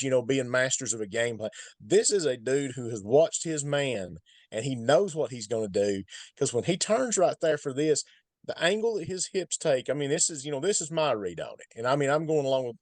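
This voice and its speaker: Male football analyst, Appalachian hillbilly accent, mid-pitched and dryly recorded, folksy, emphatic, casual breakdown of plays. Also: no room sound. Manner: emphatic, folksy, repeats points for stress. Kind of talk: casual sports commentary.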